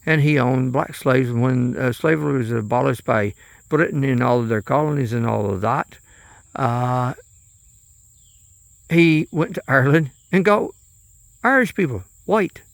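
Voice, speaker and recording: A man's voice: mid-range voice, creaky, no echo. A man delivering a rambling, profane political monologue, often trailing off and restarting.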